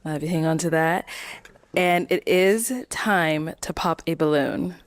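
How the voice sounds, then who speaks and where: A woman hosting a dating show, steady and directive. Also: low voice, measured pace, no room sound.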